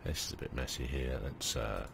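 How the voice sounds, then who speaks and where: With a rumbling low voice and some vocal fry, this gaming channel host speaks at a moderate pace while music plays in the background. His casual let's play commentary is thought-aloud and filler-heavy, with occasional remarks to his little game characters.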